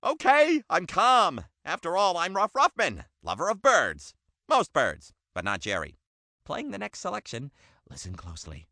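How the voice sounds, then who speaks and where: A man voicing an excitable male dog who hosts a bird show, hammy and quick to lose his temper. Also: sits high, no room sound, clean studio sound, exaggerated voice. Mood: flustered. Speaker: show host. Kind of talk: cartoon voice acting.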